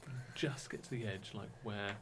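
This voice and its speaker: A man running a tabletop game as dungeon master, narrating in a relaxed way with many fillers. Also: on the low side, normal speed, slight background noise.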